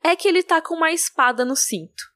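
A woman co-hosting a casual book-discussion podcast, retelling scenes in an animated storytelling way. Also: very high voice, fairly quick. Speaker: podcast co-host.

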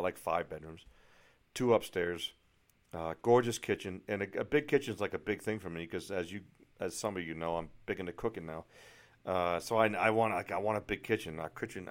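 This middle-aged American man has a deep voice and a brisk delivery. He vlogs casually and anecdotally, rambling and sounding exasperated, with some mild swearing mixed in.

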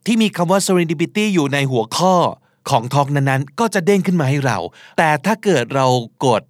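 A man's voice: on the high side, moderate pace, no room sound, clean studio sound. A man with a Thai accent teaching English pronunciation casually, with emphatic word-by-word drills. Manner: lively, animated, emphatic word-by-word demonstration.

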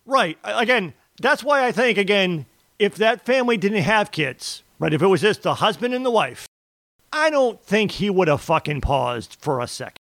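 A man's voice: high-pitched, very animated, moderate pace, vocal fry, fairly bright tone, no room sound. A man co-hosting a podcast, chatting casually and emphatically about a TV series. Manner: emphatic, restarts mid-sentence. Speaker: podcast co-host. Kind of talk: casual discussion.

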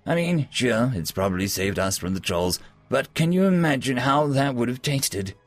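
Man voicing a roguish halfling, swooping pitch. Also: animated, moderate pace, no echo, faint music behind, lightly acted. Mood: confiding, disgusted. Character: roguish, charming, quick-tongued male halfling.

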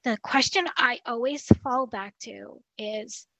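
A woman's voice: fairly high pitch, slow, creaky, bright, forceful tone, dry recording, low-quality recording. A woman speaking as a podcast guest and dietitian, talking earnestly with frequent restarts and "you know.". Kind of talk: casual conversational interview.

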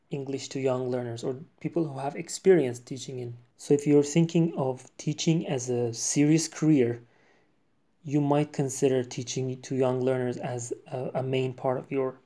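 This podcast host is a man from Iran who speaks English, running a solo show without a script. His voice sits at a medium pitch with a dark tone, and he talks conversationally, often using fillers and restarting sentences.

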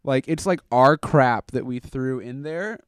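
A man co-hosting a casual comedy podcast, joking around and laughing often, sometimes reading aloud slowly with heavy pauses. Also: medium pitch, clear, resonant tone, dry recording, studio quality. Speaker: podcast co-host.

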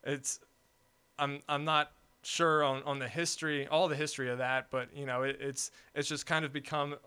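Man, young adult, bright tone, smooth voice, rambling casual talk. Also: fairly high pitch, flat delivery, moderate pace. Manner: rambling, many fillers and restarts. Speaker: podcast guest. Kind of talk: casual discussion.

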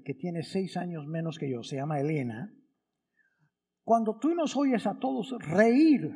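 A man's voice: sits high, dark tone. A man, a priest, giving a conversational Sunday homily and asking the congregation many rhetorical questions. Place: church during Mass. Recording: long church reverb.

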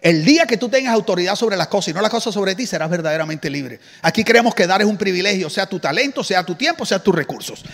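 High-voiced pastor preaching in a reverberant hall. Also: male voice, fast, few pauses. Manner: animated, joking asides to the congregation. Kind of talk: sermon. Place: church.

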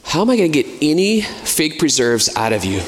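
Casual American male preacher, fairly high voice, long church reverb, chatty sermon asides. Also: big pitch swings, a little fast, noisy background. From United States. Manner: conversational, with casual asides and fillers.

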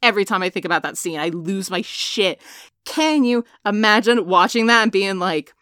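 A woman's voice: mid-range voice, animated, normal speed, fairly bright tone, clear, resonant tone, no room sound, studio quality. A young woman in casual fan chat, gushing and laughing often, swearing freely as she talks.

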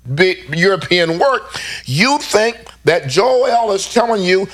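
A man with a fairly high voice teaches scripture. He is emphatic and repeats phrases as he reads verses aloud and then explains them. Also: animated, slow, a bit bright. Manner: emphatic, repeats himself while reading verses.

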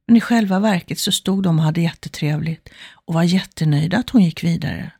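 A self-help speaker tells an illustrative story, voicing her characters' inner thoughts as quoted asides. Her voice is on the low side, gravelly, husky and a little mellow, recorded cleanly in a studio with no echo.

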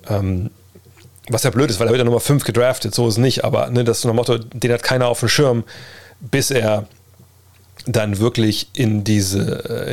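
A man chatting casually as a livestream host, answering viewers in a colloquial way peppered with English slang and sports terms. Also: on the low side. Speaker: livestream host and basketball podcaster. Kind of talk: casual livestream chat answering viewer questions about basketball.

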